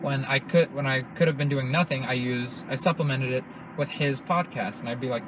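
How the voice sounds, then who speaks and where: Against a noisy background, a young man hosting a podcast chats casually in a brisk, mid-range voice. He rambles, curses, and keeps restarting his sentences.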